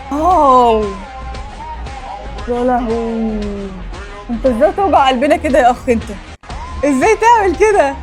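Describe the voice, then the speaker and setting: Egyptian woman, young, high bright voice, fast teasing reaction host with faint music under her. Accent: Egyptian Arabic. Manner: exclaiming, teasing, laughs often. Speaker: anime YouTuber. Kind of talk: reaction commentary.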